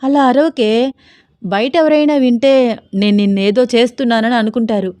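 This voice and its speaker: A woman's voice: on the high side, moderate pace, a little mellow, no room sound, natural voice. Playful young husband in a romance audiobook, read by a woman; coaxing, light, dry close sound. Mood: teasing. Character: young man, gentle teasing husband.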